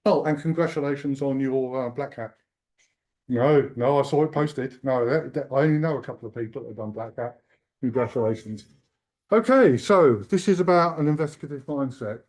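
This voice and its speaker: This keynote comes from an English speaker in his sixties who keeps things chatty, jokey, and self-deprecating in a conference hall. He talks at a normal pace in a medium-pitched, slightly mellow voice.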